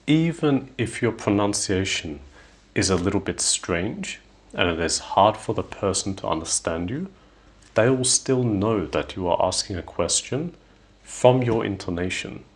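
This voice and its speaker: A young man giving a scripted English lesson, speaking slowly and deliberately and stretching out example phrases to show rising and falling tones. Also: lowish voice, animated. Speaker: English teacher.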